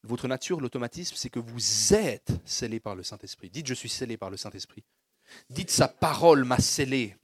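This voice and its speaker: A man's voice: medium pitch, animated, moderate pace, slightly rough, dry recording. A man preaching a sermon, leading the congregation in call-and-response and building fervor. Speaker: pastor.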